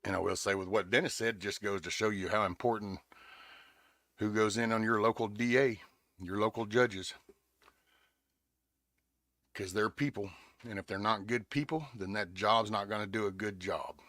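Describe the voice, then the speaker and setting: A man's voice: on the low side, steady tone, normal speed, long pauses, a bit bright, dry recording, studio quality. A man hosting a podcast in casual chat, rambling with stammered restarts and acting out what others said. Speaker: podcast host. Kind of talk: casual talk-show chat.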